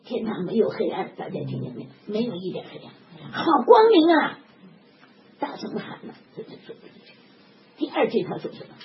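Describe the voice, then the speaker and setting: Animated older woman preaching, lo-fi. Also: medium pitch, a little fast. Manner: animated, emphatic, with chuckles. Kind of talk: sermon. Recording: dull lo-fi recording with background noise.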